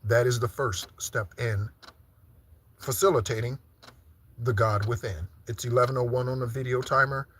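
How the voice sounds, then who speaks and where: A man's voice: medium pitch, steady tone, normal speed, fairly bright tone, a little hiss or hum. A man preaching an informal live-streamed sermon, teaching through repeated rhetorical questions and frequent check-ins. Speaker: preacher leading an online Sunday service.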